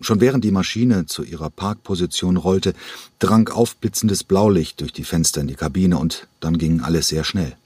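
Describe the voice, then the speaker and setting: Man, audiobook narrator, very deep voice, dry close recording, measured thriller reading. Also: a little mellow, husky, dry recording.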